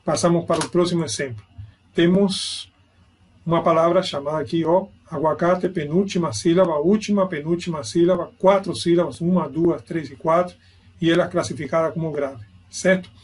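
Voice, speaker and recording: A man's voice: on the high side, steady tone, normal speed, slightly rough. A man giving an online grammar lesson, explaining step by step and checking in with his students. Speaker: Spanish teacher.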